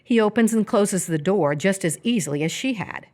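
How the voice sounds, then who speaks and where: Reading stage directions from the script, a female narrator of a live radio play keeps a descriptive, measured delivery. She speaks at medium pitch with animation and a slightly dark tone.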